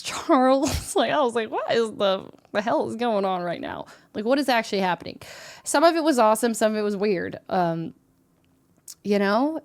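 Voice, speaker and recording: A young woman chatting casually as a streamer guest, telling animated stories that swing from loud excitement to low mutters, often laughing as she talks. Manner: laughs often while talking. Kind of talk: casual chat.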